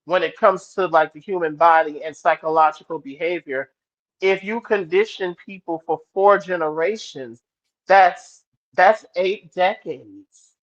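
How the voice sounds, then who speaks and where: High-voiced New man, lo-fi sound. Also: measured pace. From New Orleans. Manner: animated, repeats words when starting. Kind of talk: casual discussion. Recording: dull lo-fi audio.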